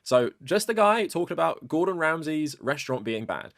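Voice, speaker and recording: A man narrating a commentary video in a steady, explanatory way. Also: a little high, normal speed, gravelly, no echo, clean studio sound. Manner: steady, explanatory, many "like" fillers. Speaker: video essay creator.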